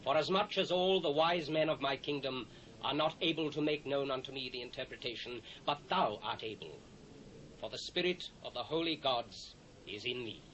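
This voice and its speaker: A man's voice: medium pitch, normal speed, fairly bright tone, lightly acted. A British man playing a proud, commanding Babylonian king in a dramatised scripture recording, declaiming in a stately way. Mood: solemn, imperious. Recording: dull cassette transfer, faint hiss.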